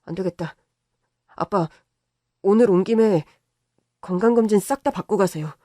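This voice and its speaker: A man's voice: high voice, moderate pace, warm tone, no echo, studio quality, close to an everyday voice. A voice actor playing a caring young adult son, a doctor, who talks insistently to his parents. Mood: worried.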